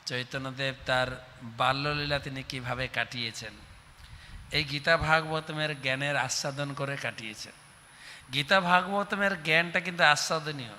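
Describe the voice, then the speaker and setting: A man with a Bengali accent preaching a sermon, animated and often asking the audience questions. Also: mid-range voice. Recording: long hall reverb, faint background hum.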